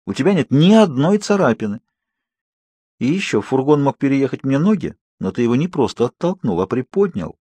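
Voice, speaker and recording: A man's voice: medium pitch, big pitch swings, brisk, dark tone, husky, no echo. A man reading an audiobook, voicing a stubborn, angry teenage girl in a firm, insistent tone. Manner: firm, insistent, rising when upset.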